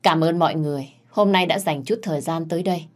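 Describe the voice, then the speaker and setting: A woman's voice: low-pitched, fast talker, lightly acted. A woman voicing a scheming middle-aged mistress of the house who makes cool, pointed remarks.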